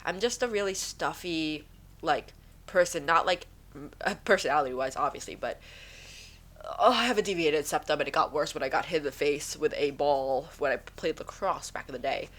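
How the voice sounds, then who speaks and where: This is a woman's low, fairly bright voice at a moderate pace. She hosts her own podcast from home, rambling in casual conversation, and a stuffy nose leaves her sounding nasal.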